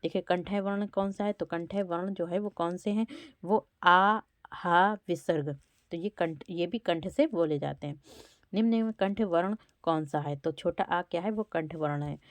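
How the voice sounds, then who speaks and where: Lady teacher doing exam prep, sounds out letters, lowish voice, dry close sound. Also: moderate pace, a little mellow, dry recording. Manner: walks through quiz questions, sounding out letters.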